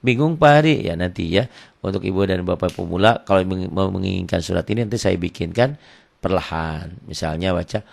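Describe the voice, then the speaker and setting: A man teaching Quran recitation rules online, explaining plainly and then chanting verses slowly and loudly. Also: deep voice, expressive, vocal fry. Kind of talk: online tajwid lesson.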